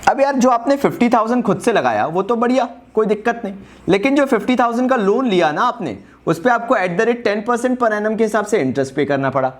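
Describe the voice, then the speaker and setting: A man teaching a fast exam-revision lesson in a brisk, direct way, urging students to write quickly and slipping English terms into casual speech. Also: sits high, animated. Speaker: commerce teacher.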